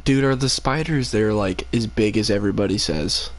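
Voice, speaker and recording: A tired young man chats with his viewers while gaming on a late-night live stream, speaking in a lowish voice at normal speed. He rambles in a laid-back way, leans on lots of fillers, and reads the chat aloud.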